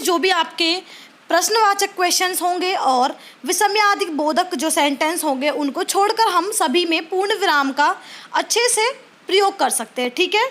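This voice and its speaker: A woman's voice: extremely high pitch, a bit bright. A young woman giving a chatty online lesson, mixing in English and often saying "see" and "okay". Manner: chatty, repeats "dekhiye" and "theek hai". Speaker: online teacher for teacher-training exam. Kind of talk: casual Hindi-English lecture.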